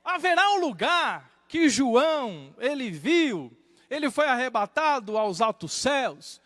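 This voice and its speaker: A male pastor preaching a sermon, moving between hushed low asides and loud rising exclamations. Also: big pitch swings, slow pace, no echo, long reverb tail.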